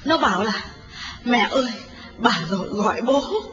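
A man voicing a shaken widow who explains things quickly and urgently. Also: very high-pitched, animated, pitched above the performer's own voice. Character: widowed woman, hurried and shaken. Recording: roomy, lo-fi, distant, with music.

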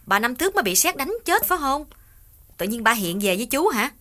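A man voicing a curious, chatty young wife in a storybook tale, asking high, quick questions in a put-on woman's voice. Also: very animated, pushed and bright, heavily acted. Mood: puzzled, curious.

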